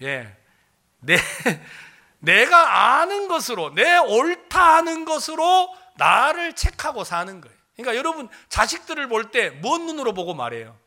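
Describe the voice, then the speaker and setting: A man's voice: extremely high pitch, wildly swooping pitch, measured pace, pushed and bright. A male pastor preaching a sermon, firing questions at the congregation and answering them himself.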